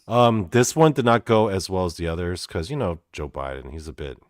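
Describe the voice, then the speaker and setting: Host, young guy from canada, deep voice, dry close sound, halting and awkward. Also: expressive, dry recording. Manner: halting, awkward, heavy on fillers. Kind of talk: comedy interview show.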